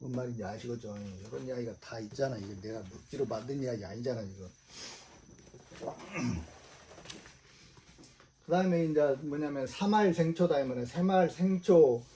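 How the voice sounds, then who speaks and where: A man's voice: medium pitch, lively intonation, moderate pace, pauses often, dark tone, slight background noise. A middle-aged man, preaching a religious sermon in a repetitive, emphatic way, often asking his listeners if they understand. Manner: repetitive, emphatic, with frequent rhetorical questions.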